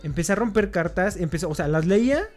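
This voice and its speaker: A man's voice: sits high, expressive, fast talker, faint music behind. A young man with a Mexican Spanish accent, telling stories in slangy casual chat as a podcast host. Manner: slangy, storytelling, lots of filler words.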